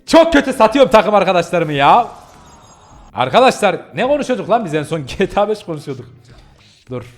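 A man talking casually over gameplay with a fairly high voice that swings widely in pitch. He chats to his viewers in an excitable way, breaking into yelps and laughs as the action picks up. Faint game music plays behind him. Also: brisk. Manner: excitable, chatty, bursts into yelps and laughter while playing. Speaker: gaming channel host.

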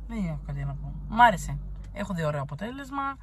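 A woman's voice: fairly low pitch, sing-song, a little hiss or hum. A woman from Crete, answering viewer comments in a blunt, teasing, chatty way. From Crete, Greece. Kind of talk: casual chat.

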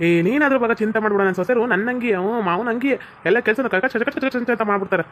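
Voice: mid-range voice, fast talker, a bit bright, slight background noise, close to an everyday voice. A voice actor with a North Karnataka Kannada accent playing a meek, fussy father-in-law in a cartoon comedy.

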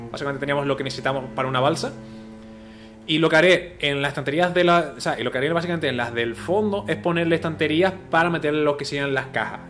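A man's voice: medium pitch, a bit bright. A man, a gaming video host giving casual gameplay commentary, chatty and thinking aloud with repeated filler words.

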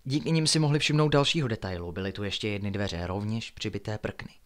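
A man reading his own horror story aloud in a hushed, suspenseful way, sometimes dropping to near-whispers. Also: lowish voice.

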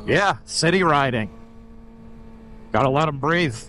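A man talks through a helmet mic while riding a motorcycle. He takes his time and is laid-back and a little crude. His voice sits fairly high, and the highway hum stays faint behind him. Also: expressive, measured pace, pushed and bright, low-quality recording. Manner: laid-back, swearing, chatty. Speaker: motovlogger. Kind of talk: casual ride commentary. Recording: wind and engine noise behind.

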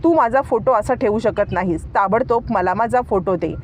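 A woman's voice: medium pitch, normal speed, slight background noise, natural voice. A woman voicing a proud, vengeful young woman who speaks defiantly and bitterly, in a retold serial story.

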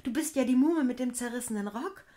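A woman's voice: medium pitch, brisk, natural voice. A woman storyteller voicing a joyful, eager young girl in a fairy tale. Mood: delighted. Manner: excited exclaiming.

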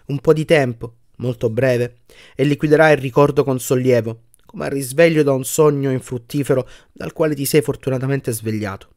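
A man voicing a sorrowful young woman in an audiobook, speaking softly and quietly as she lets her lover go. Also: mid-range voice, moderate pace, lightly acted. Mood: resigned. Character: young woman, sad, gently firm.

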